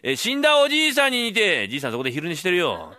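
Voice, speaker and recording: A man voicing a brash young fellow who flatters clumsily in a sing-song way, told as rakugo storytelling. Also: high-pitched, rapid-fire, heavily acted. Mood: flattering.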